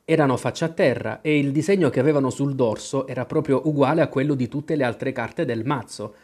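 A narrator reading a children's classic aloud in scripted, expressive storytelling. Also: medium pitch, brisk, breathy edge. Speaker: audiobook narrator.

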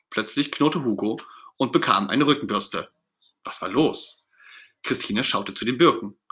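A man reading a children's story aloud as narrator, in an expressive, gentle storytelling manner. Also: mid-range voice.

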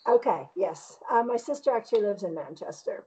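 Middle-aged woman, New England American, soft-edged mellow tone, chatty and reflective interviewee on slightly lo-fi audio. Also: mid-range voice, big pitch swings, brisk. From Connecticut, United States. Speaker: painter interviewed as guest. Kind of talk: casual conversational interview.

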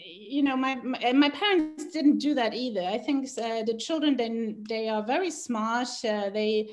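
A woman's voice: on the high side, a little slow, music in the background. A middle-aged woman from South America, a podcast guest talking casually, hesitant with many fillers and frequent laughs. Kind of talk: casual interview chat.

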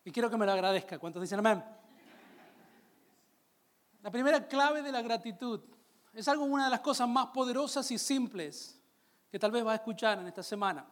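A Latin American man preaching a sermon, calling out to his congregation and slowing down on key phrases. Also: very high-pitched, lively intonation. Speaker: pastor.

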